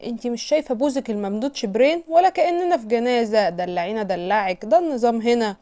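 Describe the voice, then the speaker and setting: A woman's voice: on the high side, fast talker, mellow, lightly acted. A woman with an Egyptian Arabic accent voicing a cold, possessive young billionaire man, mocking and domineering in a recap story. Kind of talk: recap storytelling with voiced lines.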